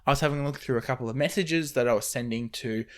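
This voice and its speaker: A young man hosting his own podcast, speaking off the top of his head in a casual solo update. His voice sits at an average pitch, and his talk rambles a little as he goes. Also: quick pace. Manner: rambling, off the cuff. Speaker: podcast host. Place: indoors near street traffic.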